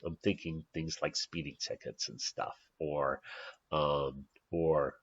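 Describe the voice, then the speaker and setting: A man's voice: a bass voice, steady tone, slow, breathy edge. A man teaching an intro sociology class in a recorded lecture, talking hesitantly with many fillers. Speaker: sociology instructor. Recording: dull lo-fi recording.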